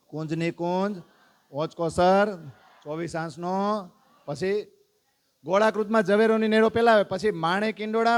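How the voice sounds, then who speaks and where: A man leading a devotional lesson, calling out lists and prompting the congregation to recite along. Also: on the high side. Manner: lively, calls out lists and prompts the audience to recite. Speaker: religious teacher.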